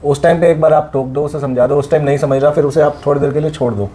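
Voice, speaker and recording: A man's voice: a little high, steady tone, fast talker, dark tone. A man co-hosting a vlog, explaining parenting tips earnestly and often checking in with "right?". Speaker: co-host, father. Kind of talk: casual parenting advice chat.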